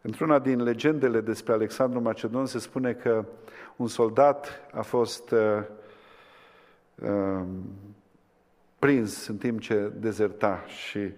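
A man preaching a sermon, swinging between impassioned climaxes and hushed, quiet lines. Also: fairly low pitch. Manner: impassioned, rising to fervent climaxes then dropping to hushed tones. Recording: long hall reverb.

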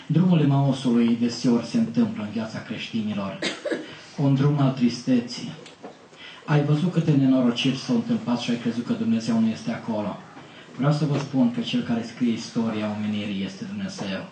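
A man preaching an Easter sermon as pastor, building to emphatic high peaks and slowing on key phrases. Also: dark tone, roomy sound, slight background noise, rough recording.

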